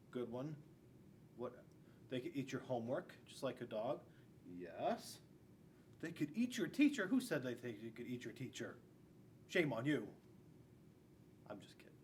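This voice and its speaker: In a school classroom, a man in his forties, a school resource officer, reads a storybook to young children and chats playfully between passages. His mid-range voice is animated and measured, with long pauses, and the camera a few feet away picks up faint room noise.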